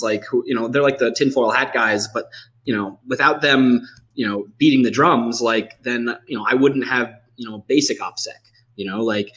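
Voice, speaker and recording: A man's voice: mid-range voice, a bit bright. A man hosting a podcast, talking casually in a rambling way, full of "like" and "you know". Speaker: podcast host.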